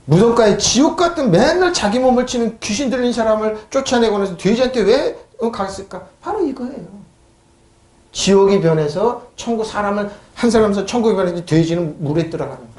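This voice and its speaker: Lively, emphatic Korean-preaching man, echoey church. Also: high voice, a little fast. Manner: emphatic, asks the congregation questions and answers them; mocks scoffers in a raised voice. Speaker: pastor. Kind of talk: sermon. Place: church sanctuary.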